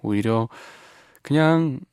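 Calm guy dj on the radio, soft and reflective, voice trails off, mid pitch, dry close studio mic. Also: slow, clean tone, no echo. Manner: soft-spoken, gently reflective, trailing off quietly. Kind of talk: late radio show reading listener messages. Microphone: studio microphone.

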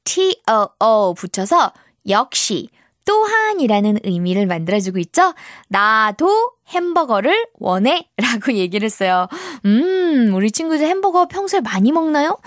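A woman teaching English to children, encouraging and modeling pronunciation slowly word by word. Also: on the high side, big pitch swings, dry recording, clean studio sound.

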